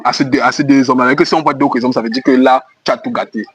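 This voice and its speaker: A man's voice: mid-range voice, fairly even intonation, fast talker. A man with a Cameroonian French accent hosting a fidelity test, probing and teasing as he questions a woman about her phone contacts. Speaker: host of a fidelity-test show. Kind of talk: casual on-camera interrogation.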